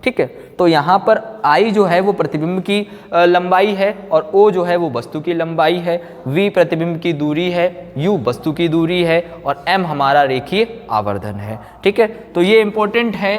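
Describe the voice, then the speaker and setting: Explaining formulas in a physics class, this male teacher often asks questions and answers them himself in a didactic style. His high voice moves a little slowly with few pauses, captured in an echoey, hall-like space.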